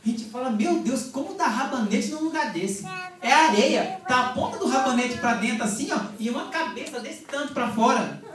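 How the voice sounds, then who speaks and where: A woman with a Brazilian Portuguese accent preaching a sermon at a church service, telling stories lively and acting out the quoted dialogue. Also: a little high. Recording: echoey hall, mic far off, congregation behind.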